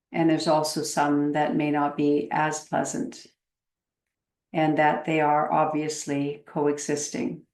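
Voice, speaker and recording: In a spacious, echoing recording, a woman meditation teacher guides a meditation gently and without hurry, leaving long pauses. Her voice is low-pitched and creaky.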